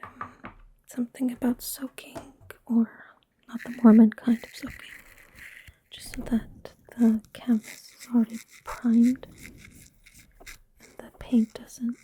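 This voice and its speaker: A young woman whispering close to the mic in an ASMR video, soft-spoken and self-deprecating as she chats while working at a table indoors. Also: fairly high pitch, flat delivery, takes it slowly, pauses often, slight background noise, poor audio. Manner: whispered throughout; self-deprecating, chatty aside. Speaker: ASMR creator. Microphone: close microphone.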